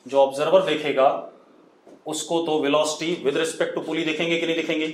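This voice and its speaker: A man's voice: fairly high pitch, steady tone, normal speed, a little hiss or hum. A man teaching a physics lesson live online, mixing Hindi and English, dictating phrases word by word and often checking that students follow. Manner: mixes Hindi and English, calls students "beta". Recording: echoey room.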